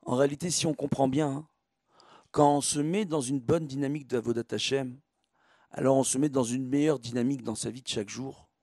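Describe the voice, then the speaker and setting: A man's voice: medium pitch, steady tone, a little fast, a little mellow, no echo, studio quality. A man giving a religious lecture as a rabbi, teaching emphatically with repetition and rhetorical questions. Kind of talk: religious sermon with everyday analogies.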